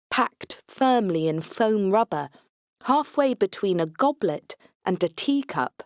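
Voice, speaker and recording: A woman's voice: medium pitch, dry recording. A woman reading an audiobook in first person, with a dry, wry, understated delivery. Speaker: audiobook narrator. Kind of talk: first-person scripted narration as a robot agent.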